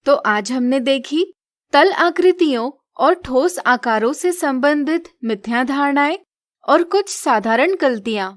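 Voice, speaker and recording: A woman teacher giving a measured, scripted lesson narration. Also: high-pitched, animated. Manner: measured, explanatory.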